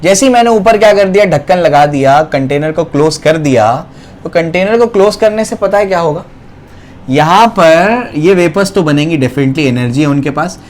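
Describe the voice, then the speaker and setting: Male chem teacher, bit high voice, keeps asking "clear hai?" and answering his own questions. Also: expressive, normal speed, a little hiss or hum. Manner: repeats questions and answers them himself, keeps checking understanding; uses everyday home examples. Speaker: chemistry teacher. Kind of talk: classroom lecture.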